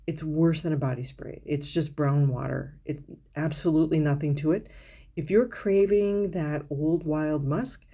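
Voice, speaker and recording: Woman vlogger, low mellow voice, chatty perfume review, lots of ums and restarts. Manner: chatty, descriptive, with frequent fillers and restarts. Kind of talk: casual product review vlog.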